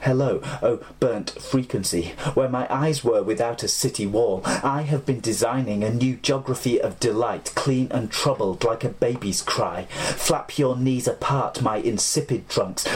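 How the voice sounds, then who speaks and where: A man's voice: mid-range voice, slight background noise. A man reciting fragmented, surreal spoken-word poetry in an incantatory way, breaking off to correct himself.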